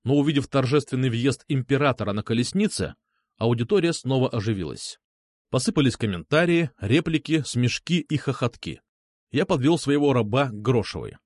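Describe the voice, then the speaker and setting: A man narrating a first-person story in a wry, lively way. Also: mid-range voice, normal speed, dry recording, clean studio sound. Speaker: audiobook narrator.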